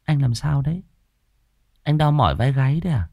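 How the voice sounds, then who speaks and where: A man's voice: mid-range voice, animated, a little fast, gravelly, mellow, voice pushed up. Man doing an anxious, pleading young wife. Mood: worried. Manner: pleading, worried.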